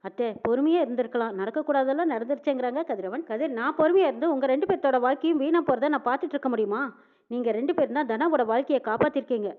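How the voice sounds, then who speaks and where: A woman with a high voice rattles through a family drama, acting out each character's lines as she goes. Her voice comes through thin and tinny, like a phone line. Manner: retells a family drama in quick colloquial speech, voicing each character's lines. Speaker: storyteller. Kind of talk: dramatic story narration with acted dialogue.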